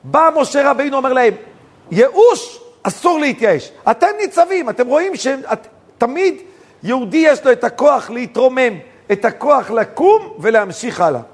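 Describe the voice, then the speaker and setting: A man, a rabbi, giving a Torah lesson in an animated way, telling stories and acting out the dialogue. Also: very high-pitched.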